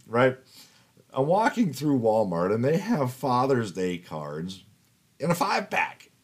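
A man in his fifties telling rambling personal stories in a casual monologue, swearing and laughing as he goes. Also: fairly low pitch. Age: 50s. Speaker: podcast host.

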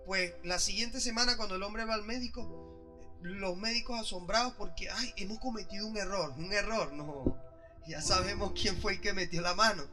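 A man, a pastor preaching a sermon in church, acting out quoted voices and swinging between loud outbursts and hushed asides. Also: sits high, moderate pace, music in the background.

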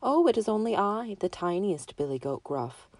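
A woman's voice: medium pitch, big pitch swings, moderate pace, darkish tone, no echo, voice pushed up. The tiniest billy goat in a storybook pleads in a small, thin voice, as a woman puts it on. He sounds timid and young. The recording is dry and close. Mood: pleading.

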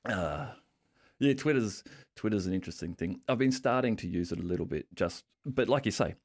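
A man hosting a casual conversational podcast, animated and given to acting out what people say. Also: lowish voice, brisk. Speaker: podcast host.

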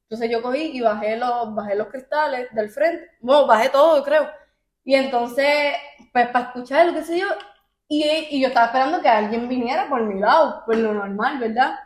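A young woman telling a story to camera, excited and laughing with tumbling restarts. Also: high voice, normal speed. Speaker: vlogger. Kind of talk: storytime chat. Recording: echoey room.

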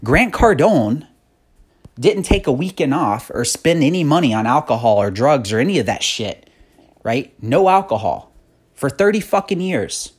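Podcast host, man, 30s, husky, blunt and profane, hard-driving motivational rant. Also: medium pitch, very animated, moderate pace. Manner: blunt, profane, increasingly fired-up. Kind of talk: motivational monologue.

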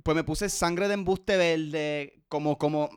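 Give me a young Puerto Rican comedian talking on a podcast in a slightly raised, smooth voice. He speaks haltingly and repeats words as he hunts for the next one. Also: fairly high pitch, steady tone. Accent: Puerto Rican Spanish. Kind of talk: casual podcast chat.

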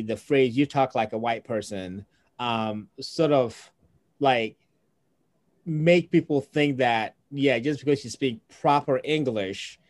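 A man talking casually as an interview guest, thinking aloud with pauses and tag questions. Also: mid-range voice. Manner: thoughtful, pauses often, asks tag questions.

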